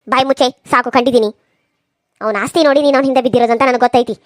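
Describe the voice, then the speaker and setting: A woman's voice: fairly high pitch, fairly even intonation, very fast, no room sound, studio quality, voice pushed down, close to an everyday voice. A woman voicing a harsh, scheming, wealthy middle-aged mother-in-law in a cartoon serial, with a North Karnataka accent and a scolding, contemptuous manner. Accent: North Karnataka Kannada.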